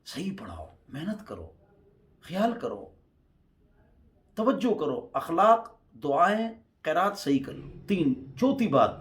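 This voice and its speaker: Middle-aged mufti guy from pakistan giving religious advice, kinda high voice, stretches out sounds to show them. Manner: exhortative, drawn-out letter demonstrations.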